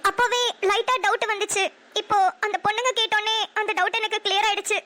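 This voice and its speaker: A woman's voice: very high-pitched, fairly even intonation, fast talker, pushed and bright. A woman voicing a hurt, sulky young wife in a cartoon who talks back petulantly. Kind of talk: cartoon voice acting.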